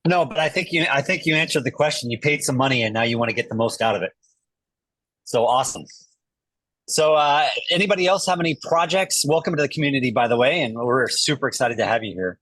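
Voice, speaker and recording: A man speaks over a video call, and his internet connection keeps dropping. His voice is mid-pitched and dry, with no room sound. He hosts casually, stopping and restarting his sentences. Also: lively intonation, fairly bright tone, dry recording, poor audio. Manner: casual, halting, with restarts and fillers. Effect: talking over a video call with a bad internet connection. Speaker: meetup host. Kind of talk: casual online meetup hosting.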